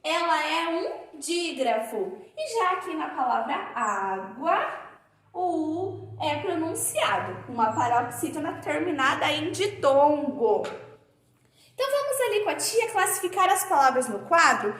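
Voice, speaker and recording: Brief: woman, primary teacher for a remote lesson, unhurried, drawn-out words, high voice, echoey room. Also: big pitch swings, a bit bright. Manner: slow, drawn-out sounding of words for children; affectionate, calls pupils dear.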